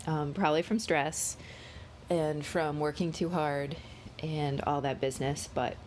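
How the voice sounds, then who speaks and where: A woman host giving a casual spiritual card-reading vlog, sounding low on energy and slightly unwell with a cold, talking haltingly. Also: fairly even intonation, a little mellow, slight background noise. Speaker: host of a daily tarot reading.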